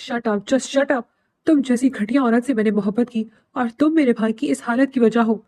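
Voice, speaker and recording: A woman's voice: on the high side, mellow, dry recording, close to an everyday voice. A woman voicing a young man who grieves for his injured brother and turns harsh and bitter. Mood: furious.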